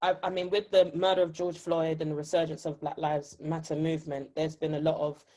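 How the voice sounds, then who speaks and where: Woman podcast host; upbeat presenter delivery, pitched on the low side. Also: little pitch movement, fairly quick, warm tone. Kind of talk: podcast conversation.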